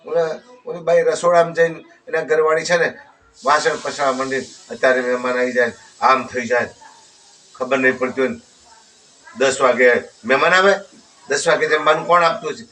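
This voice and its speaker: A man's voice: medium pitch, fairly even intonation, moderate pace, bright, forceful tone. A man telling a rambling folk story and closing with a moral, repeating his phrases. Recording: distant mic with faint background noise.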